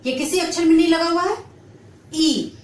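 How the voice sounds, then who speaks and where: A woman teacher explaining a children's lesson slowly, drawing out each syllable. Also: very high-pitched, reverberant, recorded from a distance. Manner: slow, drawn-out syllable-by-syllable explanation.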